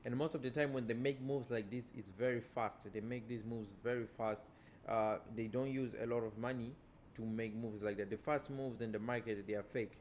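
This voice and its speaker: This trading educator, a native Portuguese speaker, guides viewers through charts in a laid-back lesson full of repeated stock phrases. His voice is mid-range, his pace moderate, and there's slight background noise.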